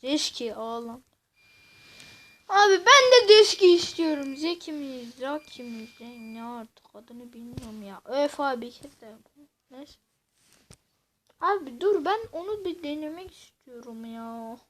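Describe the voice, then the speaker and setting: A woman giving casual, excitable gameplay commentary, exclaiming and grumbling as she plays. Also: a little high, unhurried. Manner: excitable, swears and exclaims a lot. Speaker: gaming video host.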